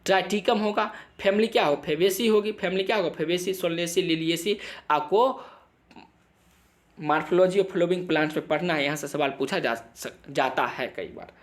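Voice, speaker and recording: A young male biology teacher giving an exam-prep lecture, drilling students with repeated questions and answers and reading English textbook lines haltingly. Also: on the high side. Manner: switches between Hindi and halting read-aloud English.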